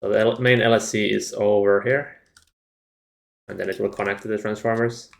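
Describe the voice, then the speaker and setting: A man chatting casually while building in a game, calmly thinking through plans. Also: lowish voice, moderate pace, gravelly. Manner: thoughtful, plans things out calmly. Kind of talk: casual gaming chat.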